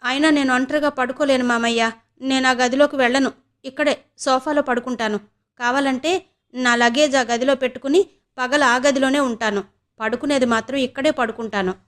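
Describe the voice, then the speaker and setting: A woman voicing a sulky, sharp-tongued young woman who complains sarcastically in an audio novel. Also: high voice, steady tone, brisk, lightly acted.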